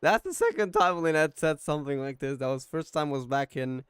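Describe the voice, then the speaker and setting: Briskly and expressively, a man with a slightly high, clean voice gives casual reaction commentary on a story game, full of murmured asides and chuckles. The studio recording is clean without echo, with game dialogue and soft music faintly in the background.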